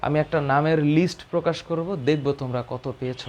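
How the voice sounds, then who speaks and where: Man, teacher, fairly high voice, repeats terms, asks and answers himself. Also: fairly even intonation, darkish tone, a little hiss or hum. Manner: explains slowly, repeats key terms, asks and answers own questions. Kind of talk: biology lesson to students.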